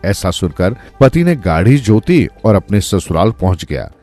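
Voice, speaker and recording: Expressive man narrating a folk tale. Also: lowish voice, measured pace, faint music behind. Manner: expressive storytelling. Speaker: storyteller. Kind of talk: scripted story narration.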